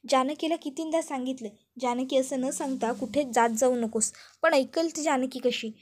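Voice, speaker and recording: A woman's voice: high voice, normal speed. A woman voicing a frustrated husband exasperated by his wife's disappearance. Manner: exasperated questioning. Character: frustrated husband, elder brother.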